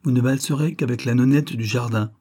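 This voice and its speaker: A man's voice: medium pitch, brisk, dry recording, studio quality, close to an everyday voice. A man voicing a stern, commanding middle-aged headmistress. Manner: sharp, commanding.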